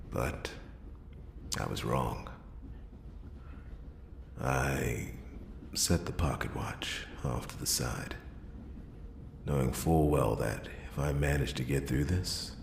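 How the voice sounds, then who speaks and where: Man playing a brooding noir detective, ASMR role-play, heavy gravelly creak, halting dramatic pauses, world-weary, roomy sound. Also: a little hiss or hum, exaggerated voice. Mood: brooding, regretful. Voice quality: gravelly, breathy low voice. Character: world-weary male noir detective piecing together a murder.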